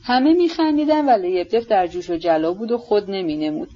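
A woman narrating a novel in an audiobook with steady, measured storytelling. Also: medium pitch. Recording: dull lo-fi audiobook recording.

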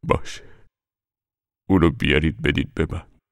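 A man's voice: rumbling low, fairly even intonation, no echo, studio quality. A man voicing a sullen middle-aged uncle who grumbles reluctantly. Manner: grudging and reluctant.

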